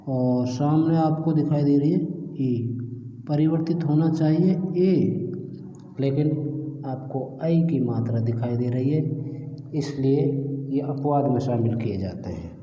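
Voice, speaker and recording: Slow, dark-voiced male teacher in echo. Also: a little high. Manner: methodical, repeats each example step by step. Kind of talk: grammar lesson. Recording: echoey room with long reverb.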